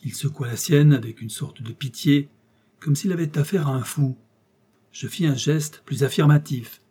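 A man narrating a classic adventure novel in the first person, with expressive, measured storytelling. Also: fairly high pitch, breathy edge. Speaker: audiobook narrator.

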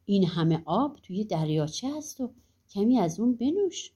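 A woman's voice: medium pitch, very animated, warm tone, husky. A woman voicing a simple, earnest young peasant lad in a storybook audiobook. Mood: friendly.

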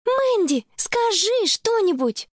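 A woman's voice: very high voice, very animated, slow, no room sound, studio quality, pitched above the performer's own voice, heavily acted. A woman voicing an anxious young girl asking urgent, worried questions on the phone.

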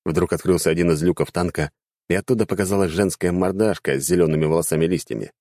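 A man narrating a fantasy war story with lively, dramatic delivery. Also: low voice, fast talker, dry recording, clean studio sound.

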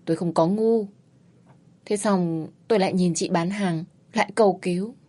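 A woman narrating a first-person story in a lively, expressive reading. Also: on the low side, normal speed.

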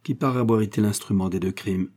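A man's voice: lowish voice, fairly even intonation, fast, a little mellow, close to an everyday voice. A man doing a stern police inspector. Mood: commanding. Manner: severe, commanding, then explosive. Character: stern, quick-tempered male police inspector.

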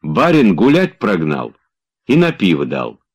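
A man's voice: on the low side, huge pitch swings, a little slow, slightly rough, voice pushed up, exaggerated voice. Male reader as sulky old manservant, drawling refusals. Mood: puzzled. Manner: lazy, sullen, drawling.

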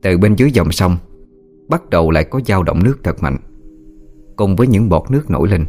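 Deep-voiced man narrating a horror story. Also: animated, a little fast. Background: soft music with singing bowl.

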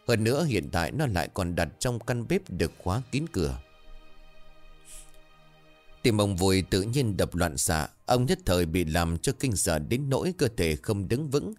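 A man narrating a ghost story in a steady storytelling manner. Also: fairly low pitch. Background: faint music.

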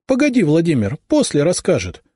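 A man's voice: on the high side, huge pitch swings, fairly quick, dark tone, slightly rough, no room sound, clean studio sound, voice pushed up, exaggerated voice. A man voicing a stern scolding noble mother. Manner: reproachful, imperious. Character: stern high-born mother, sharp and scolding.

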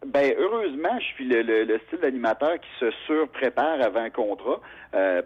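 A man from Quebec with a Québécois French accent, a motorsport announcer, tells stories in a radio interview. His husky voice is medium-pitched and moderately paced, and he's a chatty, animated storyteller full of fillers and restarts. The sound is lo-fi.

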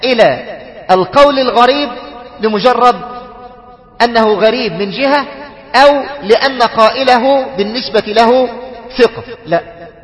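High-voiced Egyptian sheikh teaching in a hall. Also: male voice, fairly bright tone. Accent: Egyptian Arabic. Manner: questions students and draws out the answers, chants the takbir slowly to demonstrate. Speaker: sheikh teaching a study circle. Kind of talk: Egyptian-colloquial lecture mixed with formal Arabic.

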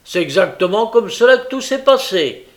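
A man's voice: high-pitched, sing-song, moderate pace, fairly bright tone, pitched above the performer's own voice. A man reading aloud and voicing a sly, lazy young male informer who drawls and hesitates. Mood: smug drawl. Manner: drawling, hesitant, rustic speech.

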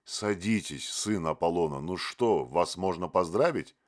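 An irritable bohemian, played by a male narrator barks his lines in short, impatient bursts. The voice is deep and edged with annoyance. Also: expressive, unhurried. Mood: sly. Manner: snappish, impatient.

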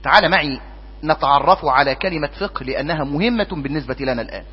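Husky Egyptian teacher quizzing his class. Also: a little high, animated, fast. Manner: asks the class questions and answers them himself. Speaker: teacher of Islamic jurisprudence. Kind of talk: classroom lesson. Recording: dull lo-fi recording in a hall with long reverb.

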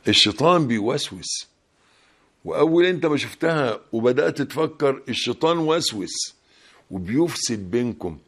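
A man with an Egyptian Arabic accent giving a Ramadan sermon, colloquial and emphatic, pressing his points. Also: mid-range voice. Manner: colloquial, emphatic, rising loudness when stressing points. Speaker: preacher.

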